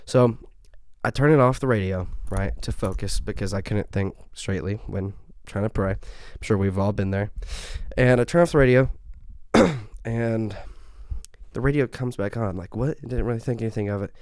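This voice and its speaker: A man's voice: lowish voice, normal speed, dry recording. A young man hosting a faith podcast, telling a personal story in an earnest, conversational way, often checking in with a "right?". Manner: earnest, conversational, frequent "right?" tags and soft laughs. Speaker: podcast host. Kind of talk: faith podcast testimony and encouragement.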